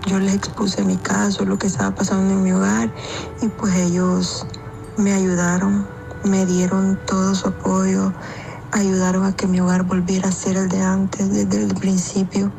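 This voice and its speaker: A woman giving a customer testimonial in a steady, flat delivery. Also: mid-range voice, unhurried, gravelly, a little hiss or hum, poor audio. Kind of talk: read testimonial. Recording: music bed behind.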